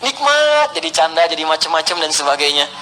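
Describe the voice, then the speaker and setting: A middle-aged male preacher answers a question in an animated sermon, acting out everyday scenes as he goes. His voice sits a little high and rings bright and forceful. It comes across like a radio broadcast. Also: fast talker, slight background noise, rough recording. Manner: lively, plays out little scenes, chuckles.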